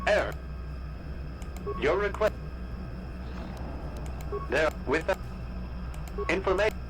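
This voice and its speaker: An actor playing a malfunctioning ancient computer guardian in a video game, stuttering and repeating error messages in flat, broken fragments. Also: male voice, high voice, slow pace, background noise. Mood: glitching.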